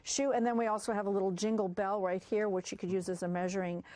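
A woman co-hosting a daytime TV show, chatting brightly as she shows off a baking kit. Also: medium pitch, little pitch movement, fast talker, dry recording. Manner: bubbly, chatty, with restarts and laughs. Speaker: TV talk show co-host. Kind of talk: casual daytime TV chat.

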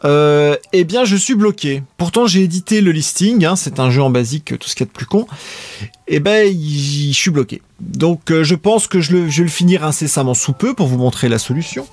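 A man's voice: a little high, expressive, fairly quick, darkish tone, no room sound. Laid-back man streaming retro games. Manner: laid-back, rambling, chatting with viewers. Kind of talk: casual live-stream chat.

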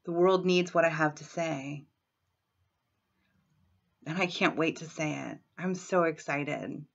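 Speaking slowly in a low register, a woman in her thirties coaches viewers through tapping in a self-help vlog. A head cold makes her hoarse, and she clears her throat as she talks frankly. She's filming indoors in a small home room with her laptop webcam, so the audio is dull lo-fi.

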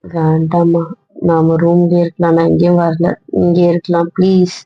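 A woman's voice: on the low side, monotone, normal speed, no echo, faint music behind. A young woman in casual couple banter, sulky, pleading and stubborn. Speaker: wife in a couple vlog skit. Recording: dull, dry lo-fi audio.

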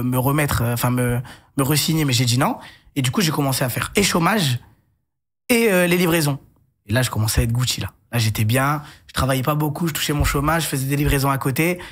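Fast-talking husky young man. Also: medium pitch. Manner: rapid animated storytelling with many restarts and asides. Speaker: guest telling his life story. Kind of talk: casual storytelling chat.

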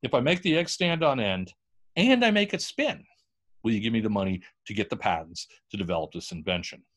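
Man doing a thrilled inventor, eager, a bit higher and brighter. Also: very animated, brisk. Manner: eager, enthusiastic. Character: excited eager male inventor.

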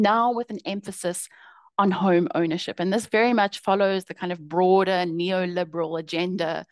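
A young woman with a medium-pitched voice walks through her research slides on a video call. She explains in a measured manner, now and then using fillers or restarting sentences, and there's no room sound.

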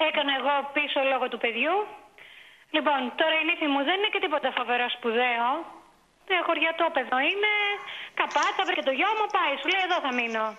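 High-voiced woman on a tinny phone line. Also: expressive, pushed and bright. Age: 40s. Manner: exasperated, complaining storytelling with many fillers. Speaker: caller. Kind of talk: phone-in confession on a talk show.

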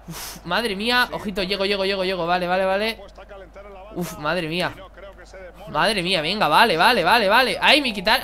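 A young man, excitably commentating his own football video game match for viewers. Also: sits high. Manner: excitable, exclaiming, chatty. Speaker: gaming youtuber. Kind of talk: live gameplay commentary.

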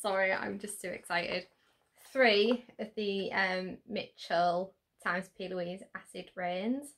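A woman with a slightly hoarse voice, chatting casually and giggling excitedly as she unboxes makeup for her channel. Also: medium pitch, takes it slowly. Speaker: beauty vlogger.

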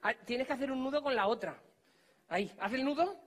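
Lively bantering Spanish stage magician, bright tone. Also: male voice, very high voice. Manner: bantering, teasing volunteers, giving quick orders. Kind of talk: live stage comedy magic act.

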